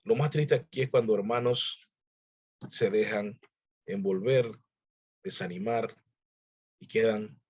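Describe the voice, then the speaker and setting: A man's voice: fairly low pitch, slow pace, long pauses, a little mellow, husky, muffled recording. A man teaching a church discipleship class, earnestly exhorting his listeners in a conversational preaching manner.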